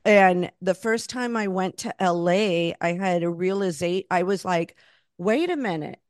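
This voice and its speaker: A woman's voice: lowish voice, unhurried, no room sound. Chatty middle-aged woman, dry close sound. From Florida. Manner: chatty, reminiscing, encouraging. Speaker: podcast host. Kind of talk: casual interview chat.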